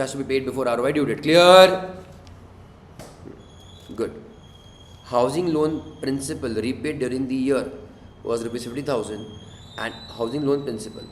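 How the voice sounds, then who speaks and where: Man, Indian accent, classroom tutor, questioning and prompting, medium pitch, roomy echo, faint background noise. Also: a little mellow. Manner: prodding students with questions and short tag checks. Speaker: tax tutor teaching a class. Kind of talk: interactive classroom lesson. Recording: echoey room with faint noise.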